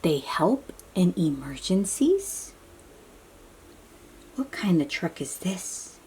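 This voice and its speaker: Reading aloud to small children, a woman speaks very slowly with plenty of rise and fall, her voice mellow and soft-edged. She uses simple phrases, often posing a question to the listener and then answering it herself. She is a picture book read-aloud host with a fairly low pitch and a very animated delivery, captured on poor audio with slight background noise.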